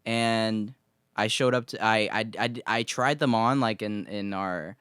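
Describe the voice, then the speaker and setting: A man's voice: lowish voice, unhurried, fairly bright tone, clear, resonant tone, dry recording, clean studio sound. A man as a podcast guest, telling a story in casual chat with many restarts and fillers.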